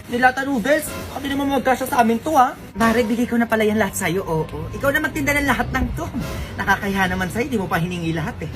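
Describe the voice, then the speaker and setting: A woman acting out comedy skits, chatty and gossipy, playing every role. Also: on the high side. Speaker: comedy skit creator. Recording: music playing behind.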